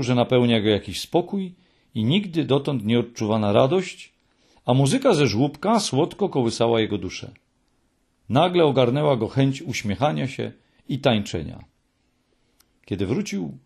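A man narrating a story aloud with an expressive, animated reading. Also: mid-range voice, gravelly, breathy edge.

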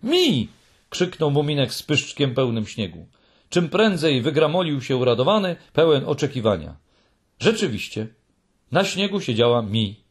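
Expressive husky man telling a story. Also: medium pitch, moderate pace. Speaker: narrator. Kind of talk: scripted narration of a children's tale.

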